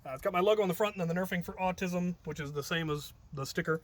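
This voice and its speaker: A hobby video creator and host with a high voice races through his stories in a casual, rambling vlog style. He thinks aloud and keeps things jokey and self-deprecating.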